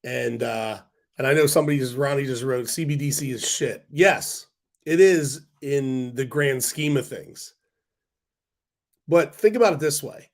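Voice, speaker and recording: Answering viewer comments on his casual stock-market livestream, the host sounds hoarse from a cold and keeps rambling, with fillers and restarts. His voice is medium in pitch.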